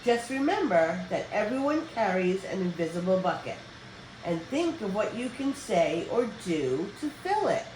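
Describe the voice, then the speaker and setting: Reading a picture book to young children, an older woman uses a medium-pitched voice and expressive, careful phrasing like a storyteller. There's noticeable room echo and some background noise.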